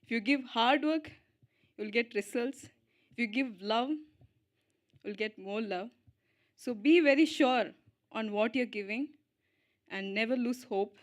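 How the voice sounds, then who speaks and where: A young woman speaking at an event on stage into a mic, switching between Telugu and English, halting with fillers and little giggles, slow and heartfelt. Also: a little high. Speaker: lead actress giving a speech. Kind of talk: emotional stage speech at a film event.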